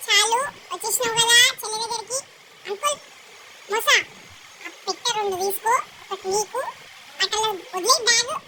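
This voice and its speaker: A young girl, chatting excitedly and bossily, whispering secrets as she narrates a family vlog. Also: very high-pitched. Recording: loud background noise.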